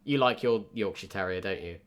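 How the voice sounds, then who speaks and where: A man's voice: sits low, brisk, over a noisy crowd. A young man hosting a casual podcast chat with friends, running a dog vote and easily amused. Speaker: podcast host.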